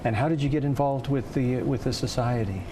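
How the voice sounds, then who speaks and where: A man's voice: medium pitch, a little fast, mellow, a little hiss or hum. A man co-hosting a TV studio interview in a friendly manner, often repeating words as he hesitates. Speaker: co-host. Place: TV studio set. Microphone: lapel.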